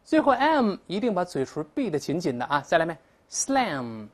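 A woman's voice: on the low side, very animated, fast talker. A woman teaching English vocabulary in Mandarin, drilling pronunciation aloud with lots of repetition. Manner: explains in Mandarin with English examples. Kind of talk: classroom vocabulary lesson.

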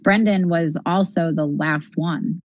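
A woman's voice: fairly low pitch, fairly even intonation, slow pace, no echo. A woman co-hosting a casual discussion, making her points emphatically and repeating them for stress, on slightly lo-fi audio. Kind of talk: casual discussion of a criminal case.

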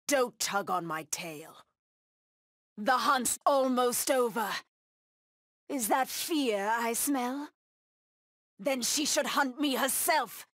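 A woman voicing a savage, proud cheetah-woman huntress in a video game, taunting her prey with deliberate menace. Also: a little high, fairly bright tone, no room sound, clean studio sound. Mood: fierce, confident.

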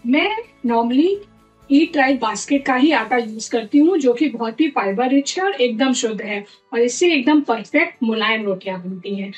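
A middle-aged woman giving a cooking demonstration in her home kitchen, explaining each step while she works. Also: a little high. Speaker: cooking instructor. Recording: light background music.

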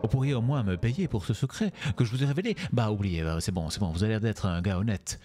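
A man's voice: lowish voice, animated, quick pace, warm tone, close to an everyday voice. A man reading out a scheming treasure hunter. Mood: wheedling.

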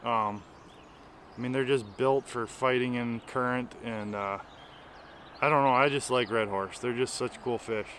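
A man in his thirties chats to the camera as he fishes a small river, working from the bank and from a canoe. He's an enthusiastic fishing vlogger who explains what he's doing as he goes, in a casual outdoor vlog. His voice is mid-range and a bit bright, with fairly even intonation, a measured pace and slight background noise.

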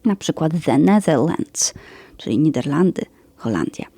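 Slow, careful woman teacher. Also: low-pitched, animated, warm tone, breathy edge, no echo. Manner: slow, careful explaining with example lists. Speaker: English teacher. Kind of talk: podcast grammar lesson.

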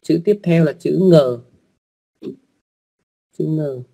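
A man's voice: fairly high pitch, extremely slow, vocal fry, dark tone. A man teaching an online lesson on writing rules, speaking patiently with polite particles, frequent fillers and repeated words.

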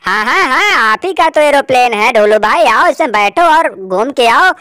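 Male friend, cheerful, welcoming, high smooth voice, played by a woman. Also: lively intonation, normal speed, pushed and bright, no echo.

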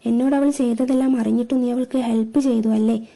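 Lady voicing a proud bitter young woman, curt and scornful, dark low tone. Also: fairly even intonation, fairly quick, vocal fry. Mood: furious. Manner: curt, scornful, flares into shouting.

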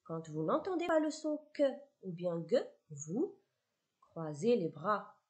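A woman teaching a primary school phonics lesson, speaking slowly, clearly articulating each word twice and praising the children often. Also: lowish voice, big pitch swings. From Morocco.

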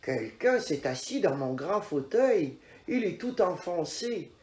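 A woman voicing a big, gruff father bear who growls in a deep voice. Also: big pitch swings, slow, darkish tone. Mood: grumbling. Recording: roomy echo.

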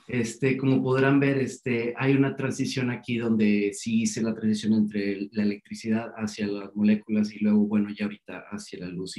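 With a lowish, slightly mellow voice, a male guest lecturer talks informally about science through a video call microphone. His speech is casual and heavy with fillers, "este" above all.

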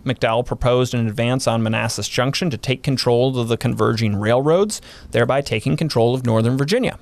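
A man's voice: medium pitch, fairly quick, no echo. A man, a historian guest on a podcast, explaining military history in a casual but detailed way, running through units and dates.

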